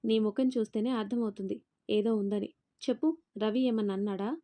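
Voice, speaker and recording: A woman voicing a sharp-tongued, haughty middle-aged mother-in-law in a spoken family story, taunting and scornful. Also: medium pitch, steady tone, fairly quick, natural voice.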